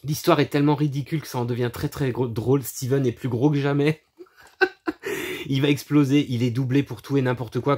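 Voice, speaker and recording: In this casual chat, a man with a mid-range voice talks about his film collection, crude, profane and mocking, laughing often. He throws in animated asides, and there's a little hiss or hum in the recording.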